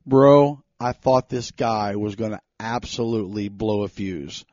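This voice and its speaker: A man co-hosting a casual podcast, telling a story with animated bursts when heated. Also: on the low side, a little slow, dry recording. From North Carolina. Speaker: podcast co-host. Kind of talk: casual chat. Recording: slightly dull dry sound.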